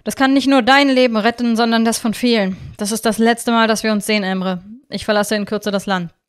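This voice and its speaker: A woman voicing a calm, unemotional man who speaks firmly and with emphasis. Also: fairly high pitch, brisk, smooth, natural voice. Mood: urgent. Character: calm, cold man warning a criminal.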